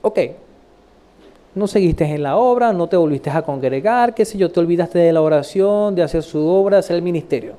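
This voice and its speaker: A man preaching a sermon, asking his listeners rhetorical questions and repeating phrases for emphasis. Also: normal speed. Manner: lively pitch swings, repeating phrases for emphasis.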